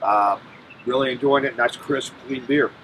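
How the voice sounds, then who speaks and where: A man's voice: mid-range voice, fairly bright tone, a little hiss or hum, rough recording. Easygoing middle-aged man host. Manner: easygoing, halting with repeated words. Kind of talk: casual interview. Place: outdoor patio by a brick wall.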